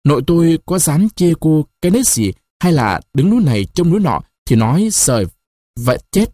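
A shy young village man, read by a male storyteller, answers gently and hesitantly. His voice is warm and a little husky, with lively rises and falls. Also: a little high, a little fast, no room sound, clean studio sound, voice pushed up. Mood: pleading.

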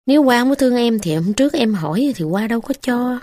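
A timid middle-aged village official, played by a woman reader speaks slowly and apologetically with a Southern Vietnamese accent. The sound is dry and close. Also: fairly high pitch, lively intonation, dark tone, dry recording. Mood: apologetic. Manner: pleading, slow, apologetic.

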